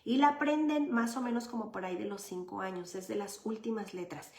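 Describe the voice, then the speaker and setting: A woman's voice: medium pitch, a little fast, darkish tone. A woman with a mid-range voice answers viewers' questions in a live session. She explains child development patiently, in a chatty way full of fillers. The room gives her voice a roomy echo. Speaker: child psychologist.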